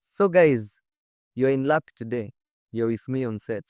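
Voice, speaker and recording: Speaking with a Kenyan accent, a male storyteller and host addresses the camera on a studio set in an animated, conversational, emphatic style, full of repetition and rhetorical questions. His medium-pitched voice has lively intonation, a measured pace and a darkish tone, and the clean studio recording has no room sound.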